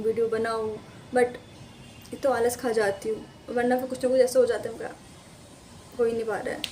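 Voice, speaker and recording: A woman's voice: a little high, dark tone, slight background noise. A woman chatting casually to her viewers in an unboxing vlog, rambling and speaking to them directly from a room at home. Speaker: vlogger.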